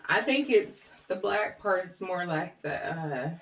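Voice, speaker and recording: A woman's voice: on the low side, lively intonation, unhurried, fairly bright tone. A middle-aged woman chatting casually to viewers as she eats, chewing while talking and humming over her food. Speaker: mukbang vlogger. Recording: roomy, distant mic with faint noise.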